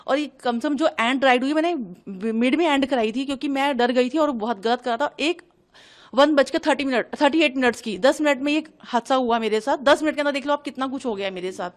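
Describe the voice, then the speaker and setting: High-voiced agitated woman recounting an ordeal. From Delhi. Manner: agitated, fast, re-enacting dialogue. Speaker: interviewee recounting an incident. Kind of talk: emotional first-person account to a reporter.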